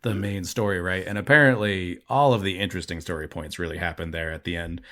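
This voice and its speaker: A man's voice: low voice, quick pace, a bit bright. A man co-hosting a podcast in casual chat, retelling things in a loose, joking way and often laughing. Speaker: podcast co-host.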